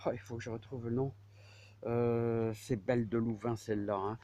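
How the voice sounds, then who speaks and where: A man's voice: mid-range voice, fairly even intonation, moderate pace, mellow, slight background noise. A middle-aged man giving a casual, enthusiastic garden tour outdoors, hesitant and rambling, often repeating himself and tacking on little tags. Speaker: amateur orchard owner showing his trees. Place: outdoors in an orchard.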